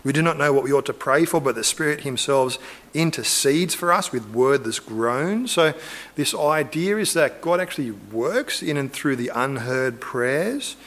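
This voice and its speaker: Male preacher, relaxed and conversational, earnest tone, acts out little scenes. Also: medium pitch, normal speed. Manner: earnest, acts out biblical quotes and imagined dialogue. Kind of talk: conversational sermon.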